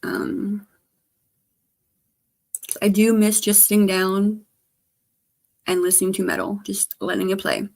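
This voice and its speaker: Woman, gravelly vocal fry, mid pitch, slightly slurred from missing front teeth, halting, casual rambling livestream chat. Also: little pitch movement, a little mellow. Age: adult, grown past teens. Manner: halting, trailing off with repeated stammered starts. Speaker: livestreamer chatting with viewers.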